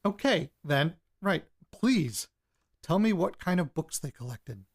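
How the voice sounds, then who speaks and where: The same young amateur investigator, anxious and insistent as he probes his late grandparents' secrets, now sounds incredulous and insistent, his male voice pitched high with big, exaggerated swings. He still speaks haltingly and bluntly, pressing hard and swearing, in a naturalistic audio drama framed as a hesitant recorded diary and interview. Background noise marks it as a field recording.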